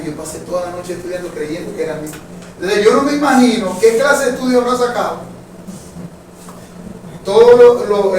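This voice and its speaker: A man's voice: sits high, a little mellow. A man teaching a Bible class at church, talking conversationally to his listeners, calling them brothers and checking that they follow. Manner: conversational, addresses listeners as brothers, asks for agreement often. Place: church hall. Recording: very echoey hall, distant mic, faint noise.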